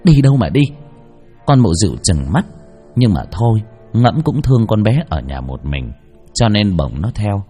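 A man narrating a ghost story vividly, swinging between hushed and lively. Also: on the low side, normal speed, husky. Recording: narration over soft background music.

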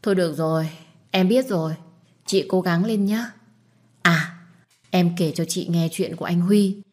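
A woman's voice: fairly low pitch, darkish tone. A woman voicing a nosy, blunt young woman who pesters and scolds in an audiobook. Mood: indignant. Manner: pushy, quick to scold. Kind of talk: audiobook dialogue.

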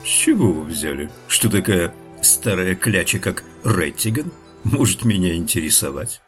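A man's voice: low-pitched, animated, moderate pace. A man voicing a vain, taunting old film star. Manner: mocking, taunting. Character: vain, menacing old male film star in a youthful body. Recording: faint music behind the voice.

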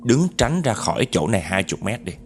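A man voicing a calm, stern male exorcist who speaks with firm, threatening commands. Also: lowish voice, a little fast.

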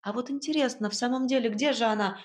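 Woman narrator, fairly high voice, lively storytelling; fits fantasy audiobook. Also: quick pace. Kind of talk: scripted first-person narration.

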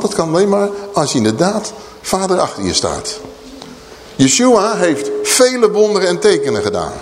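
A man's voice: a little high, darkish tone, big-room sound, a little hiss or hum. A man preaching a sermon in an earnest teaching style, asking rhetorical questions.

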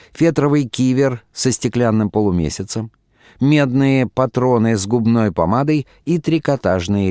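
Low-voiced male audiobook narrator. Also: darkish tone, dry recording, clean studio sound.

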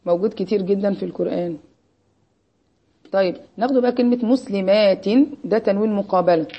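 An Egyptian woman teaching a grammar class, her voice slightly husky as she races along at a quick clip. She keeps firing "what?" prompts at her students and waits for them to answer. The recording sounds dull and lo-fi. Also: medium pitch. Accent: Egyptian Arabic. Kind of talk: Arabic grammar lesson with call-and-response questions.

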